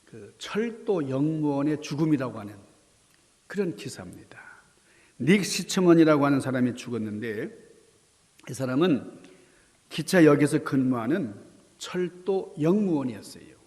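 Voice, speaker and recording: A middle-aged male pastor delivers a sermon in a slightly high voice. He swings from loud, dramatic cries down to hushed near-whispers. The sanctuary adds a long, ringing reverb. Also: lively intonation, moderate pace. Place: church sanctuary.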